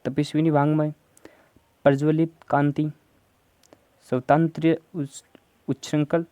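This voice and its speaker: A man with a Rajasthani accent teaches Hindi grammar for exam prep, going through each answer option step by step. His voice is mellow and relaxed, recorded dry and close. He keeps nudging viewers to answer quickly. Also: fairly high pitch, smooth, dry recording.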